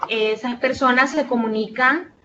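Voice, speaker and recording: A woman with a Salvadoran Spanish accent giving an online class lecture as a tutor. She explains patiently, asks her students rhetorical questions and often fills pauses with "este". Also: fairly high pitch, lo-fi sound, background noise. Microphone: video call.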